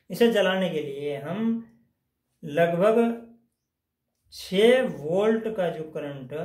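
High-voiced man teaching, echoey room. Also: darkish tone. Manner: explains step by step, repeating phrases. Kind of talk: whiteboard lesson. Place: indoors at a whiteboard.

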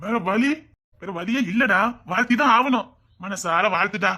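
A man's voice: high voice, moderate pace, pushed and bright, full character voice. An actor with a Tirunelveli Tamil accent playing a young man who mockingly needles his heartbroken friend in a comedy sketch. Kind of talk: comic sketch banter.

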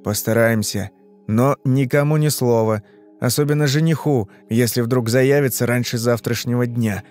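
A man's voice: mid-range voice, steady tone, normal speed, darkish tone, faint music behind, close to an everyday voice. A man voicing a stern, bearded male hypnotist in an audiobook, asking curt, demanding questions. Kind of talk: audiobook reading.

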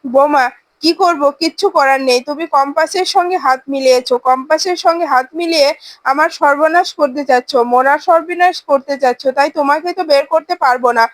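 A woman voicing a scheming elderly grandfather who speaks slowly and soothingly while justifying himself. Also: sits high, no echo, close to an everyday voice. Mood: stern.

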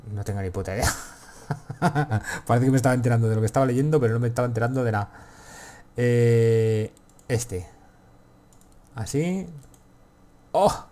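Speaking in a mellow, mid-range voice, a man with a Castilian accent from Spain hosts a gaming video, giving laid-back commentary, rambling to himself and swearing freely.

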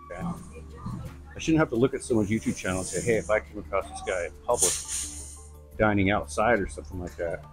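A middle-aged vlogger with a lowish voice rambles through a casual walk-and-talk on suburban streets, chatty and full of blunt asides. He's wearing a lavalier mic, and the recording quality is low.

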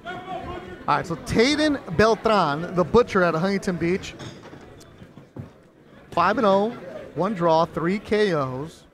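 High-voiced jokey male boxing commentator. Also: lively intonation, takes it slowly, long pauses, fairly bright tone. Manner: jokey, chummy, slangy. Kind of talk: casual banter commentary. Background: music.

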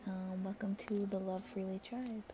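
A young woman talking quietly and half-whispering late at night in a shared bedroom, rambling with many fillers as she hosts a spiritual reading. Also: mid-range voice, fairly even intonation, moderate pace, noisy background. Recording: TV chatter in the background. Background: television playing.

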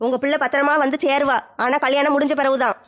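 A woman's voice: sits high, flat delivery, quick pace, a bit bright. A woman acting a village comedy sketch in a brash, mocking way. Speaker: comic sketch performer.

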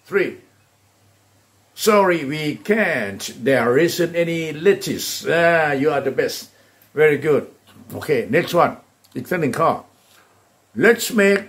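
Brief: male English teacher with a Thai accent, slow and deliberate, slightly high voice, upbeat and encouraging. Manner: slow, deliberate modeling of English phrases, then quick Thai explanations; upbeat and encouraging, often praising the students. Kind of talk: classroom-style English drill.

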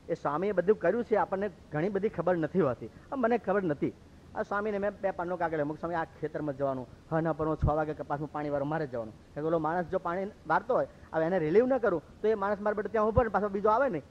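Man, monk, storytelling sermon, brisk, fairly high voice. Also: slight background noise. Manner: lively, acts out quoted speech. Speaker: monk preacher. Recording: dull lo-fi recording.

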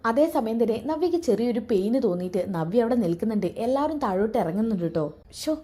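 A woman's voice: a little high, animated, quick pace, mellow, husky. A woman casually retelling a serial episode as a chatty storyteller. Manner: chatty, with tag words.

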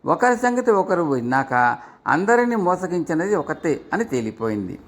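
A male storyteller reading a folk tale aloud, his voice slightly high and full of animated rises and falls. The delivery is expressive, pulling the listener along. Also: normal speed. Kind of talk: storybook narration.

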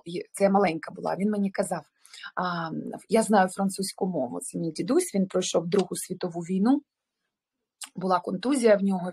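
A woman's voice: medium pitch, a little mellow, breathy edge. A woman from Ukraine teaching French in a live online lesson, switching between French and Ukrainian and repeating each phrase, recorded outdoors on a terrace. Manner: drills sounds by repetition.

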